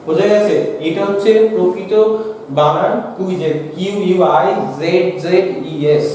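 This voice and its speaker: A man with a Bengali accent, teaching a grammar class in a high, mellow voice. He sits back from the mic in a very echoey room, with faint noise behind him. He keeps asking the class questions and answering them himself. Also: steady tone, unhurried, far from the mic.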